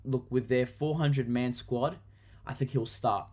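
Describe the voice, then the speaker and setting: Chatting casually to camera, this young Australian man runs through his fantasy football selections for his vlog. His middle-pitched voice is a little mellow with fairly even intonation, though he still comes across as enthusiastic and loose, often saying um and restarting.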